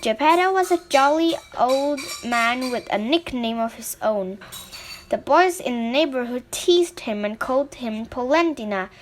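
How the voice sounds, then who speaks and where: A woman reading a children's storybook aloud in a slow, deliberate way with small slips and restarts. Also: fairly high pitch.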